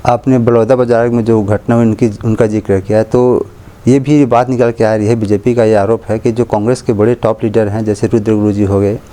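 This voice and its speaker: Mellow-voiced male interviewer, probing. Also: fairly low pitch, steady tone, a little fast. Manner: polite, probing questions. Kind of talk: political interview questions.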